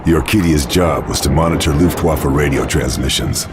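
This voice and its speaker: A male actor narrates a video game cutscene as a grim, resolute WWII Allied sniper agent on a mission, the protagonist. His very deep, gravelly voice sounds terse, hard-boiled and determined, moving at a moderate pace against a noisy background.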